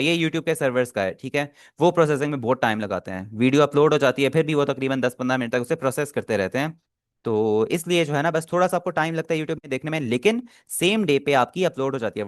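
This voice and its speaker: A man with a fairly high voice teaches an online class over a video call. He explains patiently and step by step, often stopping to check that his students are keeping up. The sound is dry and close. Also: clean tone, no echo.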